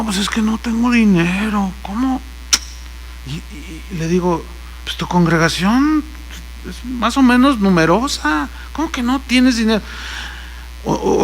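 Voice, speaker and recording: A man's voice: high-pitched, creaky, fairly bright tone, slight background noise. A man with a Mexican accent preaching a sermon, telling stories and acting out the dialogue, with joking asides. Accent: Mexican Spanish. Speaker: pastor. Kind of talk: sermon with anecdotes.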